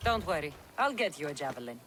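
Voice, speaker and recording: A woman with a low voice and a fast delivery, recorded with a slight hiss or hum, voices a dry, sardonic female mercenary in a video game cutscene. Her remarks come out dry, wry, and deadpan.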